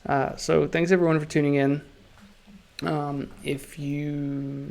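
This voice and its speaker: Streaming illustrator, male, sore-throated, flat monotone, gravelly and unhurried. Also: a little high. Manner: monotone delivery. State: sore throat, resting his voice. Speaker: illustrator live-streaming his drawing. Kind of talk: casual live-stream chat while drawing.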